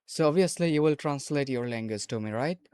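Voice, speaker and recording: A man's voice: medium pitch, brisk, darkish tone, clean tone. A man from Bangladesh with a Bangladeshi accent hosts a casual video chat with a stranger. He talks in a teasing, playful way and repeats his phrases. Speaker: host.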